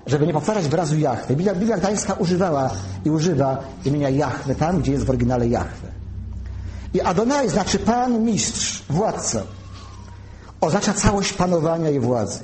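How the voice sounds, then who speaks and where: A man delivers a careful teaching sermon, pausing to spell out each term. His voice sits a little high but sounds mellow and warm. The room around him is echoey, with a faint hum of ambience. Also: lively intonation. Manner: measured teaching, spells out terms slowly. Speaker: preacher.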